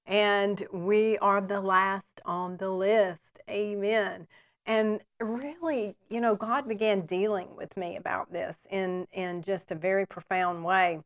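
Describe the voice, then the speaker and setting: A woman in her sixties teaching the Bible on a program, earnest and conversational, often pausing for an amen. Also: mid-range voice, steady tone.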